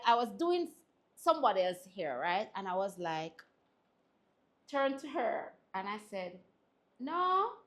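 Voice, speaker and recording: A Jamaican woman hosting a talk show, her voice sitting a bit high. She chats casually with her co-host and tells animated stories in patois, laughing along the way. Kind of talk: casual panel chat.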